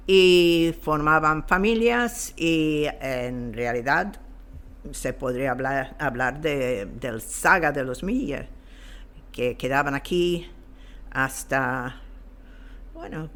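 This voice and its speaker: A man gives an informal historical explanation as an interview guest, halting as he searches for his words. His voice is a little high and a bit bright.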